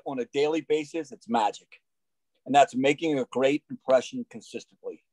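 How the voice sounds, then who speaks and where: A man in his sixties, a roofing salesman, chatting as a guest in a video-call interview in an upbeat, energetic way, with lots of "you know" fillers. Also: fairly high pitch, no echo, low-quality recording. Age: 60s. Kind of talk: casual interview chat.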